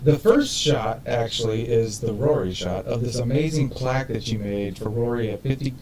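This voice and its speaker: A man hosting a casual interview chat, upbeat and full of praise and shout-outs. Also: medium pitch, normal speed, a loud crowd. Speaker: host.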